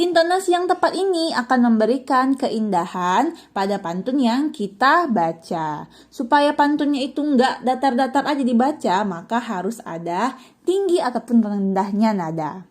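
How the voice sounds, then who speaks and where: A young woman teaching an online lesson to children, cheerfully asking questions and answering them herself. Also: a little high. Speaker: religious school teacher.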